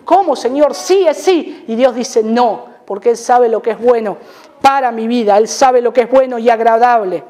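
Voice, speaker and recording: A man's voice: very high voice, darkish tone. A middle-aged man with an Argentine accent preaching a sermon as pastor, emphatic, repeating key phrases for weight. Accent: Argentine Spanish.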